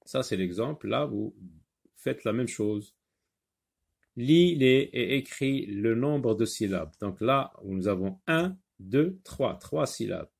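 A man's voice: mid-range voice, animated, slow pace, gravelly, a little mellow, slightly rough. A man teaching a recorded French reading lesson, patiently repeating each word aloud for pupils.

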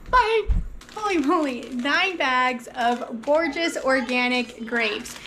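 Upbeat, high-voiced mom vlogger. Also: female voice, takes it slowly, fairly bright tone, a little hiss or hum. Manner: upbeat, enthusiastic, talks straight to viewers. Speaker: vlogger, mother. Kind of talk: casual chatty vlog.

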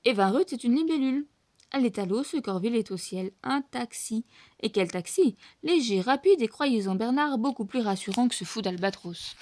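A woman reading a children's storybook aloud in an expressive, lively way. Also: a little high, moderate pace. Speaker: storybook reader.

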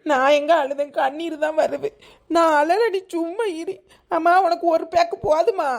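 A woman's voice: extremely high pitch, fairly even intonation, moderate pace, vocal fry. A woman acting a melodramatic wife with a Kanyakumari Tamil accent, theatrically teary and complaining. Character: melodramatic wife seeing husband off abroad. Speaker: comedy sketch actor.

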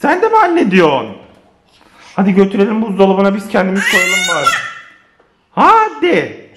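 A man filming a playful family vlog, teasing the kids and chatting to viewers in an animated way. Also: high-pitched, normal speed, heavy background noise. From Turkey. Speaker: family vlogger.

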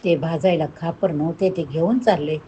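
A woman's voice: sits low, normal speed, mellow, breathy edge, dull audio. A woman reading a saint's life story aloud, with emotion and moralizing asides to her listeners. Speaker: devotional storyteller.

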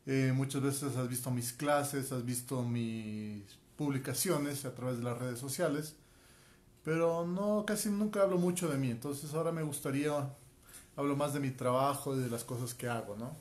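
Speaking directly to the viewer, an Ecuadorian man in his forties from Quito, a martial arts teacher and life coach, earnestly presents himself and keeps tagging lines with "ok?". He has a mid-range voice and a moderate pace. The clip is filmed indoors in a small home room on a phone held at arm's length.

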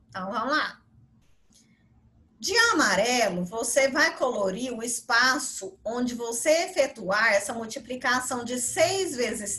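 High-voiced Brazilian schoolteacher. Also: female voice, a bit bright. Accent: Brazilian Portuguese. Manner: encouraging, explains step by step with many "certo?" and "ó". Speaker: teacher. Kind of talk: remote video lesson for children.

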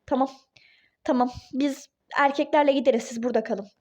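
A woman voicing a calm, soothing young husband in a toy-game role-play drama, talking in a reassuring way. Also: sits high, brisk. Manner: calming, reassuring.

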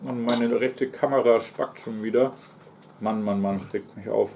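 A German-accented man in his twenties, a streamer and mukbang host, chats casually on a livestream from a sofa in a small living room. His mid-range voice is steady, unhurried and a little mellow as he reads out and answers chat between mouthfuls, with a slight hiss or hum.

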